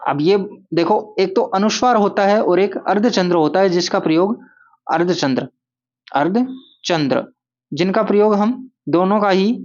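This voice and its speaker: A man's voice: sits high, highs cut off. A male Hindi grammar teacher giving a lesson, who repeats key words and asks and answers his own questions. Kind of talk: classroom-style grammar lesson.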